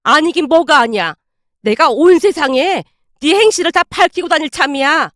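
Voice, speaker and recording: A woman's voice: high-pitched, expressive, a little fast, dry recording, studio quality. Woman voicing a stern scolding mother-in-law. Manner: sharp, scolding rebukes.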